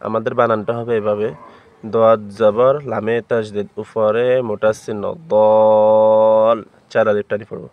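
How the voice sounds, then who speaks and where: A man teaching Quran reading from a primer, spelling out letters and marks, then chanting each syllable loudly and drawn out. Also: fairly low pitch, little pitch movement, brisk, dry recording, phone-quality sound. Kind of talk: spelling-out Quran recitation lesson.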